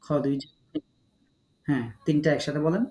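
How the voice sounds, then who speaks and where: A man's voice: fairly high pitch, steady tone, normal speed, mellow. A man teaching Quran recitation in an online class, calling on students and patiently repeating syllables for them.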